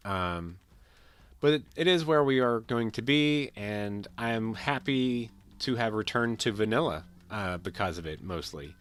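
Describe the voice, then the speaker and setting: A man's voice: on the low side, expressive, a little slow, fairly bright tone, clear, resonant tone. A man with a sick, nasal voice, chatting casually with viewers as he wraps up a game stream, rambling and repeating himself. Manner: rambling, repeats words and restarts sentences. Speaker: livestreamer. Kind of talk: casual stream chat while gaming.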